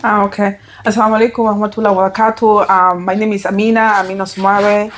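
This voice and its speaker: A woman's voice: medium pitch, flat delivery, slight background noise. Hesitant woman guest, full of fillers. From Spain. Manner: hesitant, many fillers and pauses. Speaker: guest, organization co-founder. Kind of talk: casual interview.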